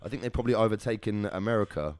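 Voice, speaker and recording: A man's voice: lowish voice, animated, rapid-fire, darkish tone. A young man, hosting a live competition draw in casual, upbeat chat, calling viewers lovelies and brother.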